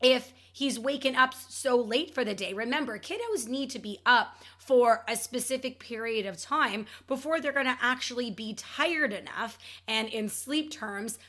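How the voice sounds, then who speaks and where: A woman's voice: on the high side, normal speed, few pauses, bright, forceful tone. A woman hosting an advice podcast in an upbeat, instructive manner, stressing key words as she goes. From Ontario, Canada. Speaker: podcast host and child sleep coach.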